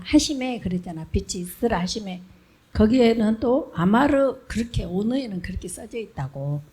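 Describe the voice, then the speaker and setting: Woman preaching a lively sermon. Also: mid-range voice. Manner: conversational preaching, acts out quoted lines. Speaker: evangelist. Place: church.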